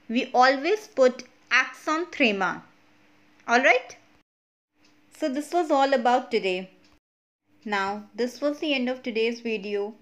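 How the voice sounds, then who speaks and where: A woman with an Indian English accent gives an online lesson in a high voice. She speaks slowly and walks through each point step by step, checking in with her viewers as she goes. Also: fairly bright tone. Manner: slow, explains step by step, checks with "okay?". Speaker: French teacher.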